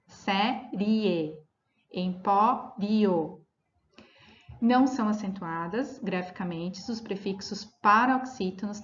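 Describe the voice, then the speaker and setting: A woman teacher explaining grammar rules in a recorded lesson, reading example words slowly and checking in with her students as she goes. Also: on the low side, a little hiss or hum. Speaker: Portuguese teacher. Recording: roomy, dull lo-fi audio.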